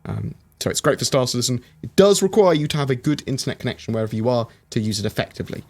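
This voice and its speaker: Rapid-fire and expressive, this man speaks in a mid-range voice with a darkish tone. He's a chatty streamer doing a laid-back Q&A, voicing questions from chat and filling his answers with lots of fillers.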